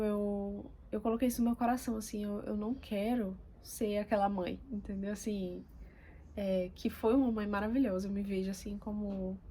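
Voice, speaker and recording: A woman, speaking gently and hesitantly, with many pauses, as a mother sharing her story. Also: mid-range voice, a little hiss or hum. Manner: soft-spoken, hesitant, many pauses and fillers. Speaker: mother vlogger. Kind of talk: casual personal talk to camera. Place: quiet home room.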